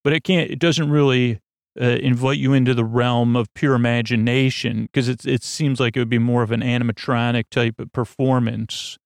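A man hosting a sleep podcast, talking in a slow, creaky, rambling bedtime monologue full of stumbles and self-mocking tangents. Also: medium pitch, flat delivery, no echo, studio quality.

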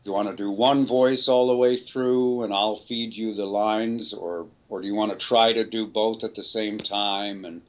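A man's voice: lowish voice, normal speed, few pauses. Older man telling a rambling story. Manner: relaxed, rambling storyteller with restarts. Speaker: voice actor guest. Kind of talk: anecdotal storytelling.

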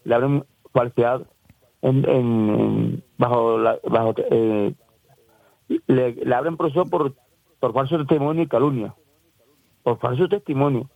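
A man with a Colombian Caribbean coast accent recounts his own story, circling back and restarting his sentences. His voice is gravelly and breathy. The sound is dry and thin, like a phone call. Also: mid-range voice, fairly even intonation, a little slow, long pauses, no room sound. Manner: rambling, repeats and restarts, acts out quoted voices. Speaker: interviewee. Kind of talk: emotional first-person account. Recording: dry, tinny phone-like line.

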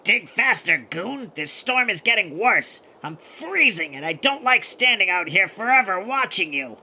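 A man's voice: high voice, very animated, a little slow, sharp tone, a little hiss or hum, full character voice. A man voicing a bossy, sneering, conceited poacher boss, the villain of a children's audio adventure, full of scornful insults. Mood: irritated, bossy.

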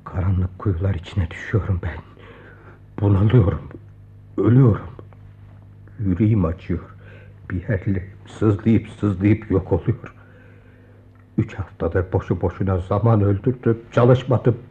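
An actor playing an anxious, guilt-ridden young clerk in a radio play, stammering and pleading. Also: male voice, medium pitch, moderate pace, natural voice. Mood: despairing. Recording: thin phone-like old radio recording.

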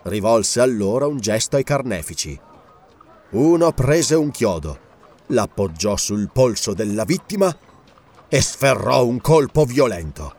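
Expressive male audiobook narrator. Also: medium pitch, a little slow. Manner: expressive, grave storytelling.

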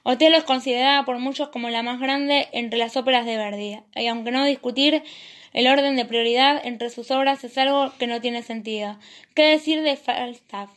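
High-voiced woman reading history narration. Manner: steady reading with a warm sign-off. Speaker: podcast host. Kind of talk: read-aloud history narration.

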